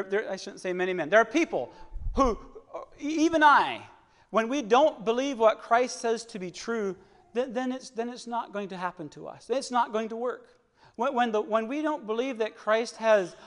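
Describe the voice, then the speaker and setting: A man in his thirties preaching a sermon in an earnest, halting way, often repeating words as he searches for them. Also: high-pitched. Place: church hall. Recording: long hall reverb.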